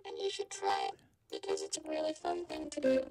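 A man's voice: rumbling low, wildly swooping pitch, brisk, vocal fry, darkish tone, faint music behind, voice pushed down, exaggerated voice. A man's voice run through a vocoder with formant shifting, which gives it a synthetic, robotic sound. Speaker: music production instructor. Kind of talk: demonstration sample, repeated phrase.

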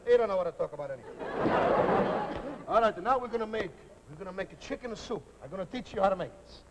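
In this live comedy sketch, a man voices a cheerful old-country Italian cook, talking fast in an animated, high-pitched way. He rambles in broken English with an Italian accent, and the noisy old recording picks up plenty of audience laughter.

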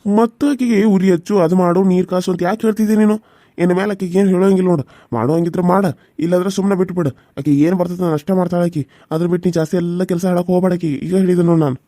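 Cartoon: performer doing a fast, very dark-voiced, threatening village husband. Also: medium pitch, steady tone, dry recording, clean studio sound, close to an everyday voice. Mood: scolding. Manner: rough, threatening and scolding. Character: hot-tempered young village husband.

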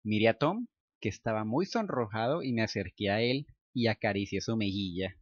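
A man narrating a first-person romance story, bursting into frantic, high inner monologue. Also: lively intonation, moderate pace, no room sound. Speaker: story reader. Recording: dull, dry lo-fi recording.

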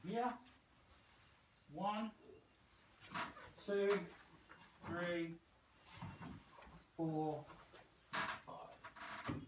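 A middle-aged man with a high voice, drawn-out words and long pauses teaches martial arts moves casually and playfully, moving about and punctuating instructions with sound words. He is on a covered brick veranda outdoors, recorded by a camera several metres away, so the audio is roomy and noisy.

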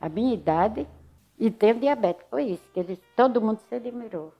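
On the high side and gravelly, her voice runs a little fast, heard in lo-fi sound over soft music. An older woman from Alagoas with a Northeastern Brazilian accent, she tells her story casually in an interview, performing others' words with gusto.

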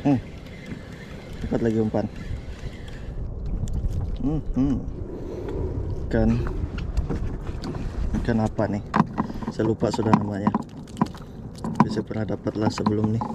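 A man's voice: lowish voice, a little slow, long pauses. A young man from Malaysia, chatting casually as he films himself fishing, often tagging "men" onto his phrases. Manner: relaxed, chatty, drops "men" after phrases. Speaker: fishing vlogger. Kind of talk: casual self-filmed commentary. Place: kayak on open sea, outdoors. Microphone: action camera on body. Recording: outdoor camera audio with clear wind and water noise. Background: wind and water.

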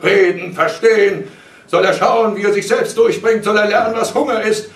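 A man reading aloud, voicing a furious, bullying father who shouts in a high, strained voice at a live reading. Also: steady tone, moderate pace. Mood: raging. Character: enraged elderly father, bullying and contemptuous. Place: cinema hall, live reading. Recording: roomy hall, mic far off.

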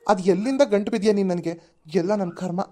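A woman's voice: medium pitch, steady tone, fairly quick, dark tone, lightly acted. A woman voicing a moody, self-pitying young husband in a cartoon. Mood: irritated. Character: young married man, moody office worker.

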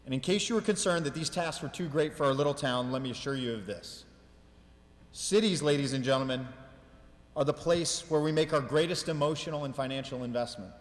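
A man delivering a prepared mayoral speech at a ceremony, in deliberate, emphatic oratory with measured pauses. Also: a little high. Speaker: mayor giving an inaugural speech. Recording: reverberant hall, long echo.

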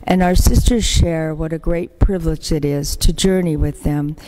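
An older woman, a religious sister, speaks at Mass with a deep voice, a steady tone and a moderate pace. She makes an appeal by telling warm-hearted anecdotes about her community's work, acting out the voices of the people she quotes. The recording has the echo of a large church hall.

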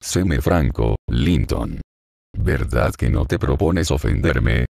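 A man's voice: extremely low pitch, slow pace, creaky, darkish tone, dry recording, studio quality, heavily acted. A man voicing a proud, impatient teenage girl who scolds sharply, in a storybook reading. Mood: impatient, scornful.

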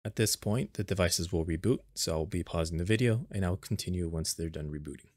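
This is a screen voice-over in which a man with a low voice briskly walks through software steps, unscripted and purely instructional. The sound is clean and studio-like, with no echo.

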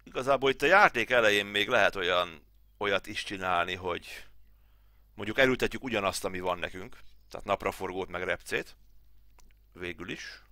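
He's a Hungarian man in his thirties who runs a gaming channel, casually working through a farm game tutorial at home while thinking aloud, chatting and muttering. His voice sits on the low side, bright and forceful, in a studio-quality recording with no echo.

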